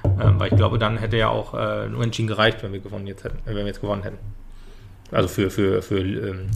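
A man's voice: fairly low pitch, completely flat delivery, quick pace, creaky. A man co-hosting a casual football podcast, talking hesitantly with many fillers and restarts. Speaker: podcast co-host.

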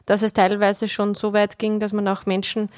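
A woman's voice: mid-range voice, monotone, normal speed, darkish tone, dry recording, studio quality. A woman hosting a podcast interview, asking thoughtful questions and rephrasing them as she goes.

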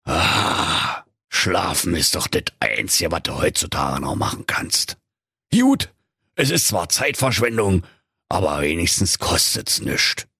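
A man's voice: low voice, sing-song, takes it slowly, creaky, sharp tone, husky, dry recording, clean studio sound, heavily acted. A man voicing a cantankerous stingy old male miser with a Berlin accent, grumbling and scolding. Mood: muttering.

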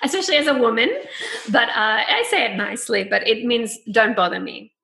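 A woman's voice: on the high side, a little fast, gravelly, pushed and bright. A young woman hosting a podcast in casual chat, chatty and laughing often as she mimics phrases. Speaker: podcast host.

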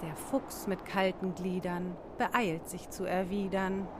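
Brief: woman storybook narrator, low and unhurried, rhyming cadence, faint noise behind. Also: level tone. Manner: measured, sing-song rhyming delivery. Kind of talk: reading a rhymed children's storybook.

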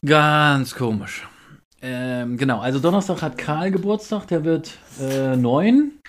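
Chatty middle-aged dad, hesitant. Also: male voice, on the high side, expressive, takes it slowly. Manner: hesitant, many fillers and restarts. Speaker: podcast host and father. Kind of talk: casual family chat. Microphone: podcast microphone.

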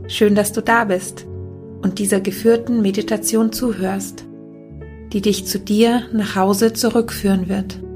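A woman leading a guided meditation in a soft, calming, unhurried manner. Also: medium pitch. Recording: background music behind the voice. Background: meditation music.

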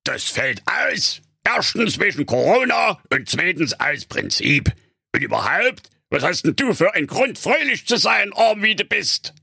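A man's voice: extremely high pitch, sing-song, measured pace, gravelly, hardly any pauses, pushed and bright, breathy edge, no room sound, clean studio sound, voice pushed up, heavily acted. A man voicing a grumpy, stingy old junkyard owner who grumbles, snaps and curses. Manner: grumbling, cursing, snappish.

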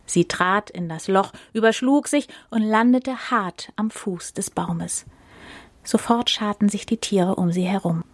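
Brief: woman podcast storyteller, even pace, dry studio sound. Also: mid-range voice, unhurried, no room sound. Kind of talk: fairy tale read aloud.

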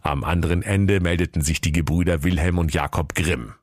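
A man's voice: low voice, a little fast, dry recording, clean studio sound. A man narrating a comic fairy tale in a playful storyteller's voice, addressing children.

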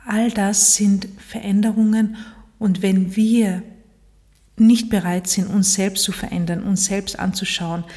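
A woman giving a motivational monologue on personal change, talking straight to the listener in a reflective way with frequent pauses. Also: medium pitch, fairly even intonation, mellow.

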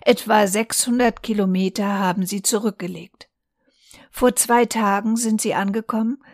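A woman reads a newspaper reportage aloud at a calm, measured pace. Her voice sits at an ordinary middle pitch. The recording is close and dry, with no room sound. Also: no echo. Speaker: volunteer reader.

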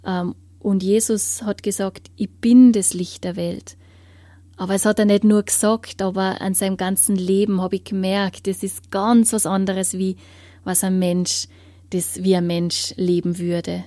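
A woman giving an earnest personal testimony in an interview, often sinking into a hushed whisper as she searches for words. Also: mid-range voice, little pitch movement, normal speed, dry recording, studio quality.

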